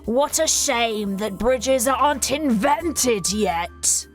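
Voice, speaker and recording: A woman voicing a grim, scornful Tyrannosaurus in a children's story, chanting and grumbling slowly and emphatically. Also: medium pitch, gravelly, faint music behind. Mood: muttering, sulky. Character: grim, scornful Tyrannosaurus family, mean and blustering.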